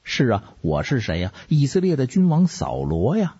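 A man's voice: medium pitch, huge pitch swings, normal speed, mellow, breathy edge, heavily acted. Man doing a blustering frightened old king. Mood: boastful. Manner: blustering, boastful. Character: proud, frightened ancient male king. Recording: dull lo-fi recording.

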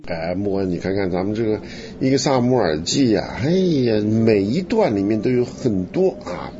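Man, radio host, animated pitch, teasing, dull lo-fi sound, faint hiss. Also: moderate pace. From Henan, China. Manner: lively, teasing, laughs often.

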